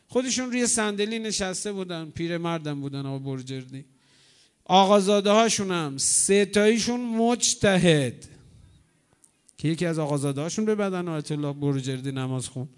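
A male preacher with a notably high-pitched voice delivers a mourning sermon built around stories. His delivery is dramatic, dropping to hushed tones and then rising into loud, emphatic cries. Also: clean tone.

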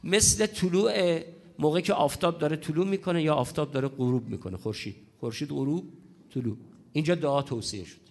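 A man preaching a religious lecture on prayer, hoarse from a cold, emphatic and repeating his key points. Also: fairly high pitch, a little mellow.

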